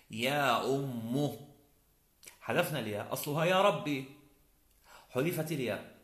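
A man teaching classical grammar, explaining each point step by step and drawing out the example words slowly. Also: mid-range voice, fairly bright tone, roomy sound. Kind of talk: classical Arabic grammar lecture.

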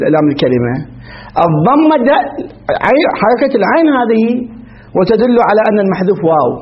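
A man teaching a classical grammar lesson, explaining step by step and quizzing his students with questions. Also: sits high. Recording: dull lo-fi recording.

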